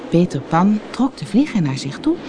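A storyteller from the Netherlands reading a children's fairy tale aloud in an expressive way. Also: medium pitch, moderate pace, slight background noise. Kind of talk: audiobook fairy tale narration.

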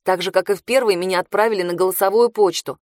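A woman narrating a first-person novel in a wry, expressive way. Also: medium pitch, quick pace, no room sound, studio quality. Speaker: audiobook narrator.

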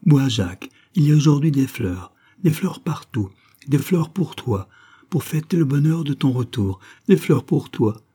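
A man's voice: medium pitch, animated, normal speed, dark tone, slightly rough. A man voicing a fragile young woman in an audiobook, overjoyed and near tears, pleading and repeating herself. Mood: joyful, tearful. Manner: pleading, repetitive, emotional. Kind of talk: audiobook character reading.

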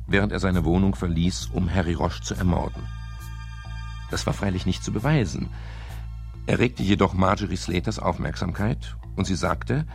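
An actor voices a wry, hard-boiled private detective narrating his own case in a radio crime drama. His delivery is dry, deliberate and ironic, pitched on the low side with vocal fry.

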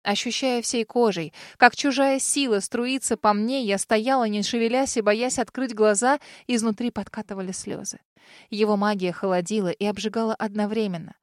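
A woman reading a first-person fantasy audiobook expressively, with sharp angry outbursts in the heroine's lines. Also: medium pitch, fairly even intonation, normal speed, no room sound, studio quality. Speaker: audiobook narrator.

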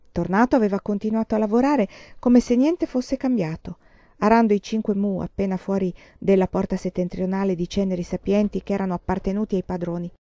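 Mellow woman reading a novel aloud. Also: medium pitch, dry recording, lo-fi sound. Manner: calm, measured storytelling. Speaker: audiobook reader.

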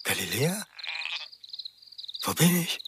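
An actor playing a middle-aged man dazed by a sleeping pill, drowsy and bewildered, turning shrill and agitated, in a radio drama. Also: very animated, slow pace, noisy background. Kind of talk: German radio drama acting. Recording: music playing under the voice.

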